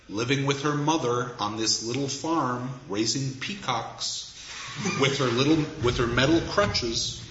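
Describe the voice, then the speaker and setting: A man's voice: mid-range voice, noisy background. A man giving an anecdotal lecture, a wry storyteller who chuckles at his own asides. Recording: echoey, dull room recording with faint ambience.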